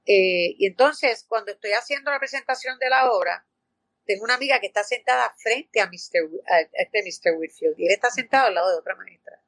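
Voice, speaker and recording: A woman from Puerto Rico, an actress invited for a conversational interview, spins animated anecdotes packed with fillers and restarts. She talks fairly quickly at a medium pitch in a Puerto Rican Spanish accent, and the recording is dry.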